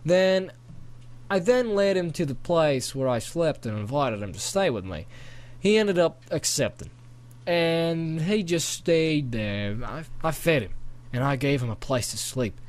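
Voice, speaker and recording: A good-natured storybook dragon drawls "mate" in a put-on Australian accent, as a man reads him. His voice bounces up and down and sits a little high for a big beast. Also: lively intonation, a little slow. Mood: storytelling. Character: friendly old male dragon, chatty, Australian-sounding. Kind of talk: amateur audiobook character voice.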